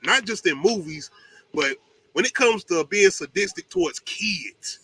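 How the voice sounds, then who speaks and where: A man's voice: high voice, animated, measured pace, bright, forceful tone, husky, rough recording. A man hosting a casual top ten countdown show about movies, talking in a slangy, emphatic way with some swearing.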